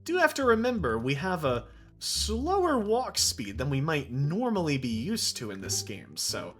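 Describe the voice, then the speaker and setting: A woman's voice: sits low, huge pitch swings, measured pace, faint music behind. A woman giving casual, playful commentary on her gameplay, giggling often as she chats. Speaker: gaming YouTuber.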